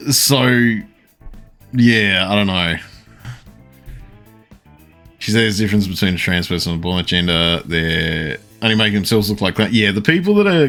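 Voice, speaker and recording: A man with a fairly low voice chats casually on a live game stream, stopping often to gather his thoughts as he answers his viewers. Faint game music plays softly behind him. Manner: responds to chat messages, pausing often to think. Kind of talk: casual live-stream chat while gaming.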